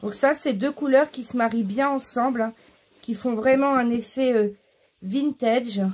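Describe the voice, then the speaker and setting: A woman's voice: on the high side, normal speed, darkish tone. A woman hosting a casual craft tutorial, explaining each step while she works, with frequent fillers. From France.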